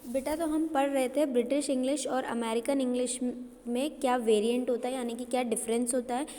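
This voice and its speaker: Teacher, female, Indian English accent, high bright voice, slow dictation of examples, classroom reverb. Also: steady tone, slight background noise. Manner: explains Hindi and English mixed, slow when dictating examples; keeps asking "understood?" to check the class. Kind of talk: classroom lecture.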